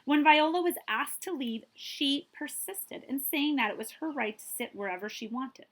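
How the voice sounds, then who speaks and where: In a high, fairly bright voice at a moderate pace, a woman reads a picture book aloud like a children's librarian. She is emphatic, drawing out key words, and makes brief asides to her listeners.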